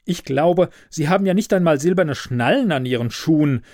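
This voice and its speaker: A man's voice: a little high, animated, normal speed, darkish tone, dry recording, clean studio sound. A man voicing a haughty, snobbish young woman in a fairy tale, cool and dismissive. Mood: scornful.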